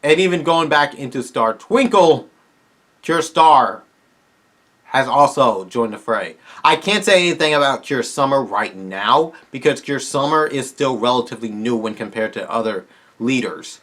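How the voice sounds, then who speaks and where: A channel host rounds off a casual Q&A, eagerly rambling to his viewers with restarts in a tired, strained way. His medium-pitched voice is expressive and a bit bright, at a moderate pace.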